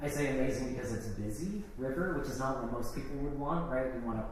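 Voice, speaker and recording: At a live art gallery reading, a fast-talking man with a medium-pitched voice performs his own poetry and chats casually to introduce each piece. The sound is echoey and noisy, caught by a far-off microphone in the hall.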